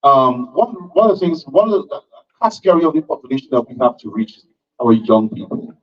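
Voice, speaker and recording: A man's voice: mid-range voice, big pitch swings, a little fast. Emphatic man speaking from afar. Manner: emphatic, rising to sharp outbursts. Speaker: panelist at a town hall. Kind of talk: impassioned public speech. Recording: distant, dull lo-fi sound.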